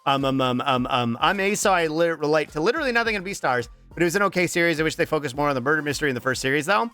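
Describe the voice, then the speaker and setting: A thirties-aged game streamer chats loosely with his audience as he goes through their messages, profane and joking, with drawn-out ums filling every gap. Allergies make his lively, fairly high voice strain and crack as it leaps around in pitch, and faint music plays in the background.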